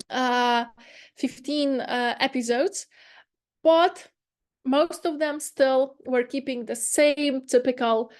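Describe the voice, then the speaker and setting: Woman, high voice, hesitant academic presenter, frequent pauses and fillers. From Poland. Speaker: conference presenter.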